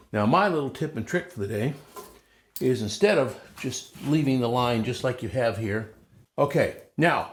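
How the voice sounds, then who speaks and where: A man's voice: mid-range voice, a little hiss or hum. A man casually demonstrating a woodworking technique in a folksy, self-deprecating way while he works.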